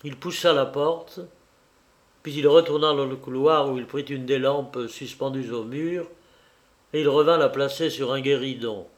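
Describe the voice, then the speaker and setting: Guy narrating an audiobook, really slow, even delivery. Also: medium pitch. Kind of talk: audiobook reading of a novel.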